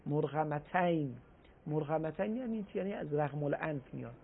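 A man giving a religious talk on a broadcast program, explaining patiently and reciting Arabic phrases slowly. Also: on the high side, expressive, gravelly, slight background noise. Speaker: religious speaker. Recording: tinny phone-like broadcast audio.

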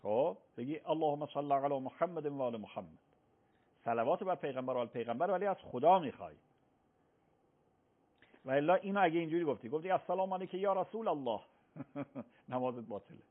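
Husky-voiced cleric on radio. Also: male voice, mid-range voice, animated, pauses often. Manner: patient explaining, frequent affirming "yes, yes". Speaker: cleric answering religious questions. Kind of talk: radio call-in religious Q&A. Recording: phone-like radio broadcast sound.

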